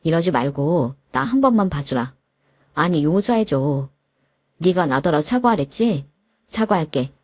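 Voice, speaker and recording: A woman's voice: sits low, animated, a little slow, darkish tone, no room sound, studio quality. A woman voicing a two-faced husband who pleads and wheedles. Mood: pleading.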